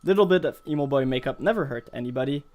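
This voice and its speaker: Streaming a game with music in the background, a Montreal man whose first language is French speaks casual English with a Quebec French accent. He talks fast in a mid-range, darkish voice, rambling and hesitating while thinking out loud.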